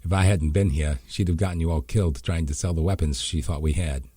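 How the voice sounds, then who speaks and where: A blunt, gruff older sergeant major speaks in a low, dark voice, read by a male narrator. He sounds grudging and plain-spoken, with a husky grain. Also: fairly quick, no echo.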